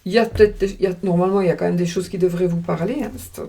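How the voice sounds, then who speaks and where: A woman's voice: on the low side, fairly even intonation, rapid-fire, creaky, background noise. A woman with a regional French accent reading tarot cards in a casual vlog, talking hesitantly while chewing gum. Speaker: tarot card reader.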